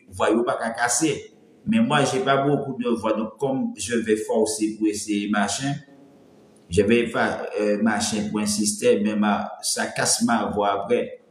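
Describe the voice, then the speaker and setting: A man's voice: lowish voice, fairly even intonation, normal speed. A man from the Antilles, chatting casually on a live stream, his light voice cracking when he pushes it, rambling and greeting viewers one by one. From French Antilles. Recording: roomy echo.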